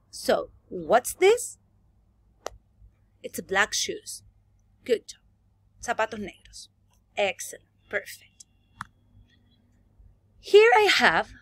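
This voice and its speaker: A young adult woman with a Chilean Spanish accent, teaching a virtual English lesson to young children and drawing out each model phrase slowly. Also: husky. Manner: slow, drawn-out model phrases with lively pitch swings.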